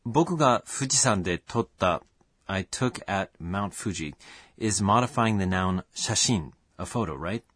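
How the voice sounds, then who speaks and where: A man's voice: low-pitched, lively intonation, moderate pace, fairly bright tone, dry recording, studio quality. A man acting as learner co-host in a scripted language lesson, asking and confirming questions.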